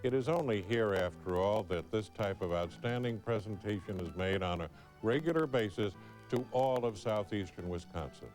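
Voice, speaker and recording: Low-voiced man hosting a television pledge drive. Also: moderate pace, a little mellow, faint music behind. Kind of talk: public television pledge appeal, semi-scripted ad-lib.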